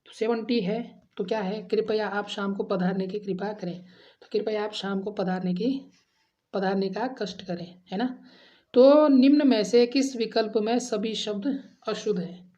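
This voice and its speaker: A woman teaching an exam-prep grammar lesson, reading out each question and its options. She keeps asking her students what they think before settling on the answer and repeating the option letter. Her voice sits at an ordinary middle pitch, and the recording sounds dull and lo-fi. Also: normal speed, mellow. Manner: addresses students as friends, asks and answers quiz questions.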